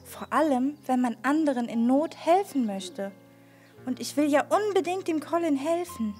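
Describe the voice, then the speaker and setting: A kind little girl in a children's puppet show, played by a woman puppeteer, brave though a bit timid. She speaks to the children gently and earnestly in a high voice. Faint music plays behind her. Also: expressive, moderate pace.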